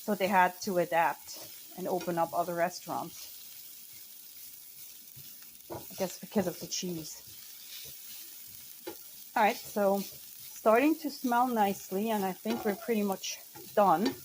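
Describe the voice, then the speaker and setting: A woman from central Switzerland talks through a recipe in her home kitchen, chatty and meandering, often correcting herself mid-sentence. Her voice sits at an ordinary middle pitch. A faint hum of kitchen noise and a sizzling pan sit underneath. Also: steady tone, measured pace, pauses often, a little mellow. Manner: chatty, rambling, self-correcting. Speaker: cooking vlogger. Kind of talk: casual chat while cooking.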